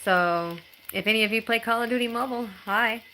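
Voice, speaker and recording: This woman in her thirties has a bright, clear, slightly high voice and chats easygoingly on a phone live stream at home, reading viewer comments aloud. She hesitates a lot, with ums and restarts. The audio is poor, carrying a little hiss or hum.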